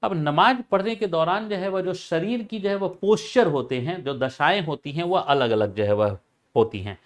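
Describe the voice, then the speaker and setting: A man explaining a topic for a channel, halting and full of filler phrases and repeats. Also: fairly high pitch, expressive. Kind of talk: informal educational explanation.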